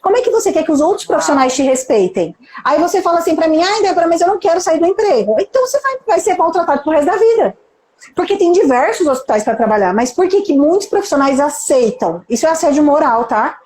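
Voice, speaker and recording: A woman's voice: sits high, big pitch swings, quick pace, darkish tone, reverberant. A Brazilian Portuguese-accented woman, a nurse manager and mentor, giving an emphatic motivational talk on a live stream, full of rhetorical questions and acted-out quotes.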